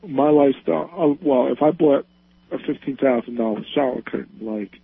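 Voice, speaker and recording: A man's voice: medium pitch, fairly quick, vocal fry, slight background noise. A man calling in to a radio show, mostly chiming in with short agreeing remarks. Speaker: caller. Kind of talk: phone-in call. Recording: tinny phone line.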